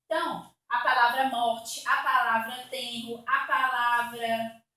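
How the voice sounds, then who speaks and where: High, bright-voiced Brazilian woman teacher. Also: fairly even intonation, roomy sound. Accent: Brazilian Portuguese. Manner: patient, explains slowly and repeats words. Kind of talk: recorded spelling lesson for children.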